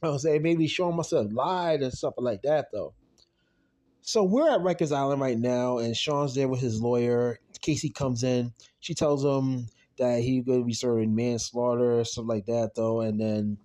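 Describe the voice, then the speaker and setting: A man's voice: mid-range voice, normal speed. Rambling man casually recapping a TV episode. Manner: rambling, heavy fillers like "I mean" and "though"; speaks openly about his own late father, quiet and subdued. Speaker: podcast host recapping a TV episode.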